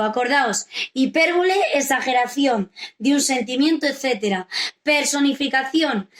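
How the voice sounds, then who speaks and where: A woman teacher, explaining a grammar and literature lesson to children and often checking they follow. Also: high-pitched. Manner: explains patiently, asks rhetorical checks like "vale?". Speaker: primary school teacher. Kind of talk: recorded remote lesson for children.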